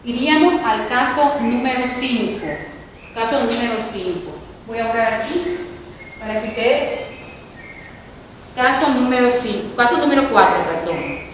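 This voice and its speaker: A woman's voice: a little high, expressive, unhurried, long pauses, a little hiss or hum. A woman teacher giving a spelling lesson, repeating points and often checking in with the class. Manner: repetitive, checks with students using ¿verdad?. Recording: echoey room, mic far off.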